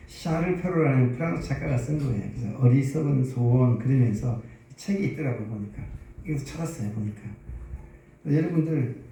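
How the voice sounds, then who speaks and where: Male pastor telling a story to the congregation, mellow tone, big church echo. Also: medium pitch. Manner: lively storytelling, asks the congregation questions. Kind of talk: sermon storytelling. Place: church sanctuary. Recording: echoey church hall, distant mic.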